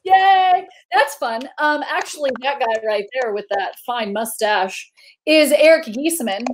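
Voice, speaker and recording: A woman's voice: on the high side, lively intonation, moderate pace, a little hiss or hum. A woman hosting a casual live-stream chat, bubbly and giggly, rambling with lots of fillers. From Indiana, US. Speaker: host.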